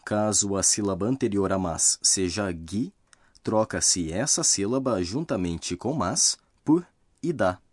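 Man, lesson narrator, slightly low voice, husky, dry sound, careful explanations. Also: animated, dry recording. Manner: slow, careful explaining of grammar rules. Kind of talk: scripted language lesson narration.

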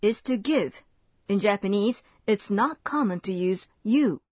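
A woman hosting a language lesson, giving clear, measured scripted explanations. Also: medium pitch, expressive, darkish tone, dry recording, clean studio sound.

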